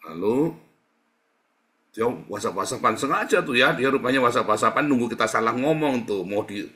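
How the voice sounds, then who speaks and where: A male pastor preaching in casual, conversational style, asking rhetorical questions and answering them himself, swinging between loud emphatic peaks and quiet asides. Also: lowish voice. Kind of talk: sermon.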